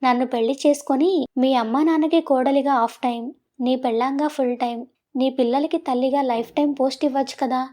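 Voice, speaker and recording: A woman's voice: high-pitched, steady tone, fast, dark tone, lightly acted. A woman voicing a bold young woman teasing and pushing the man she loves in a romantic audio story, coaxing and playful. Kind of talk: storybook voice acting.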